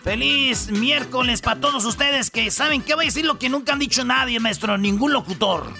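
A man's voice: very high-pitched, a little fast, gravelly, pushed and bright, soft background music. A man hosting a comedic radio countdown, joking and bantering loosely in slangy talk. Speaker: radio show host.

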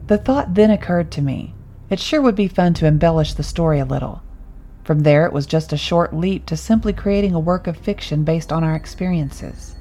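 Mellow low-voiced woman narrating horror. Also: low-quality recording. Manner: calm, measured reading.

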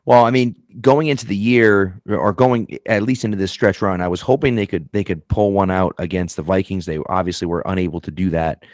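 A man's voice: sits low, a little fast, few pauses, darkish tone, no echo. A man with a mild Boston accent giving casual sports analysis as a podcast guest.

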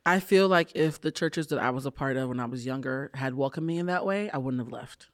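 A man hosting a casual interview, expressive and gushing, laughing often with his guest. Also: medium pitch, brisk, dry recording, studio quality. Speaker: podcast host.

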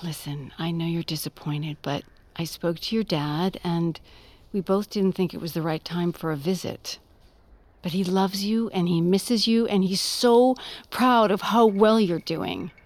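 In an audio drama, a woman with a lowish voice plays an anxious, coaxing, protective mother, speaking a little slowly. She often drops into a hushed tone, and her mood comes across as soothing.

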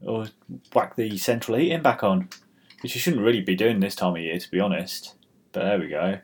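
A man's voice: lowish voice, brisk, breathy edge. A British man rambling casually as host of an amateur weather show, with a dry, grumbling, mock-exasperated manner, recorded on a built-in laptop microphone. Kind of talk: rambling casual solo chat.

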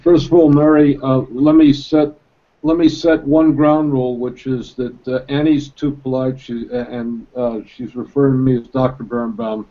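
A man speaking as a historian guest in a panel discussion, measured and with a dry humor. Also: mid-range voice, little pitch movement, dull audio.

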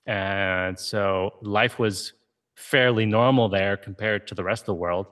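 Low-voiced man telling a story easygoingly. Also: fairly even intonation, unhurried, fairly bright tone. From Ohio, USA. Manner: easygoing storytelling, frequent "you know" and "right?". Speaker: guest, game creator. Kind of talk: conversational interview.

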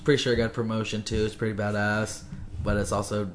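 A man's voice: fairly low pitch, little pitch movement, quick pace. A young man co-hosting a podcast, chatting casually in a laid-back, rambling way and laughing often. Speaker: podcast co-host. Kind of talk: casual chat.

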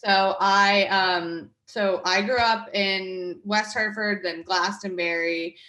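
A woman's voice: mid-range voice, steady tone, slow, pushed and bright. Chatty woman in an echoey room. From Connecticut. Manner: chatty, many fillers and restarts. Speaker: guest, market project manager. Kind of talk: conversational interview.

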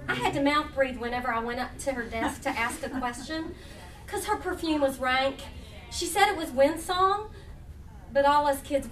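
Reading her work aloud to an audience at an indoor event, this humorist from Huntington, West Virginia spins playful, folksy stories sprinkled with chatty asides. Her high voice is a bit bright, picked up by a distant mic in an echoey room with some faint noise.

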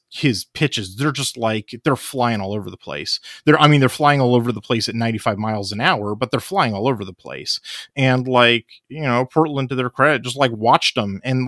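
A man's voice: mid-range voice, fairly bright tone, no room sound, clean studio sound. Rambling man with a tired voice. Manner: rambling, exasperated, heavy use of "like". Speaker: podcast host. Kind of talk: casual sports chat.

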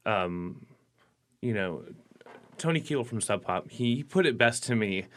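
A career musician being interviewed answers casually and unhurriedly in a lowish voice. He rambles in a relaxed way, his speech packed with "like" and "you know."

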